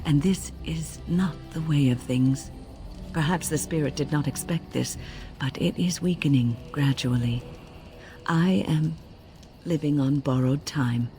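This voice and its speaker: In a video game, an older actress voices a wise, composed mage woman with a low voice and a warm tone. She speaks formally and reflectively, telling her story in a measured way, and the mood is grave. Soft music plays behind this dramatic game dialogue.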